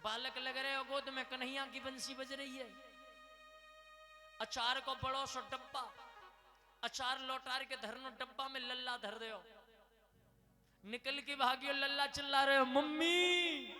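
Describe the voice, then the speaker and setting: Animated Braj-accented man preaching a folksy katha. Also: very high-pitched, unhurried, pauses often, soft background music. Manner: folksy, animated, questions the audience. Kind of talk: devotional storytelling sermon. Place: katha gathering before an audience.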